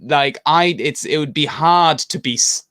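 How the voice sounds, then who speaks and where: Animated, blunt co-host, mid-pitched man, laughs through his points, dry close-miked sound. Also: unhurried, no echo. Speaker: reaction video co-host. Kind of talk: casual chat.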